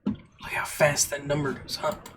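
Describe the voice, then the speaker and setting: A man streaming a game, chatting casually and reading the game's text aloud in relaxed asides. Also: fairly high pitch, a little slow, background noise. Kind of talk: casual gameplay commentary.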